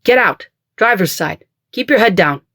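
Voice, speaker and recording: An audiobook reader voicing a terse, protective male bodyguard who murmurs orders and barks them under fire, with a slightly gravelly edge. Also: little pitch movement, brisk, dry recording, studio quality. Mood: commanding. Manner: low murmured orders, barking in danger. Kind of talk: audiobook dialogue.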